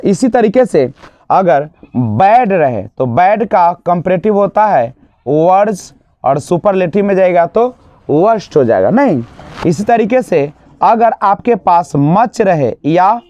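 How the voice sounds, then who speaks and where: A man teaching an exam-prep grammar lesson, asking the class questions and answering them himself, and drawing out example words slowly. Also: sits high, warm tone, no room sound. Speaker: English teacher. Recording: dull, lo-fi dry sound.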